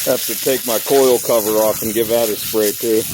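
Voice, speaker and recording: A man's voice: lowish voice, normal speed, noisy background. Chatty man calling out finds outdoors. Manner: excitable, chatty, calls out finds. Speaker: metal detecting vlogger. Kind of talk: casual vlog narration while detecting. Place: public park outdoors.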